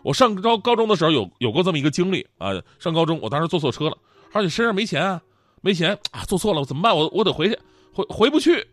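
Male host, humorous monologue, chatty, stammers, slightly high voice, very lively intonation. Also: racing. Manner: chatty, stammers and repeats words.

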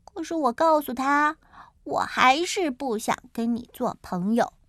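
High, childlike woman storyteller. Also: measured pace, dry recording, clean studio sound. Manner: animated, childlike first-person storytelling. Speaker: storybook narrator speaking as the little mouse. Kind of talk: expressive children's story read-aloud.

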